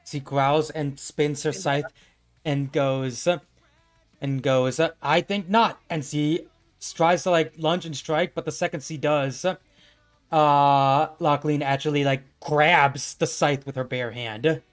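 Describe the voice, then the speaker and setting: A man narrating as game master in a tabletop game, in loose, halting speech full of fillers. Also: on the high side, steady tone.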